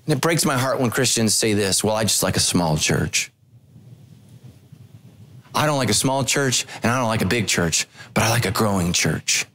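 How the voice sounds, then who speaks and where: A middle-aged man, a pastor, preaching a sermon on a large church stage into a handheld microphone, telling stories with humorous asides. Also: normal speed. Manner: animated storytelling with humorous asides, pitch swinging widely.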